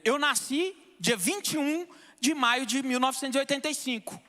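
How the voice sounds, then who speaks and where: A man's voice: extremely high pitch, pushed and bright, long reverb tail. A man in his thirties from Brazil giving an emotional, fervent testimony in church, often calling out to the brothers. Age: 30s.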